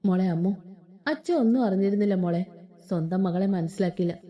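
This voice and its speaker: A woman's voice: mid-range voice, fairly quick, dark tone, voice pushed down, close to an everyday voice. A woman voicing a remorseful father who pleads for forgiveness. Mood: pleading.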